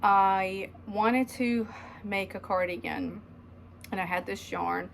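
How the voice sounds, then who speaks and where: A woman in her thirties from Ukraine talks slowly about her knitting to camera at home, rambling and using many ums. Her medium-pitched voice is creaky, and slight background noise can be heard.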